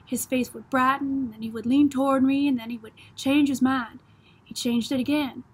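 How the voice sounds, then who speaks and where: Breathy, high-voiced woman narrating a novel. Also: steady tone, moderate pace. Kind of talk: audiobook reading of a novel.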